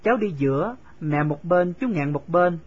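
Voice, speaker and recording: A man's voice: fairly high pitch, expressive, moderate pace, breathy edge, highs cut off. A man reading the part of a stubborn little schoolgirl who keeps pressing with questions. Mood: sulky. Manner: insistent, sulky questioning. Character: stubborn pleading little girl, fifth grader.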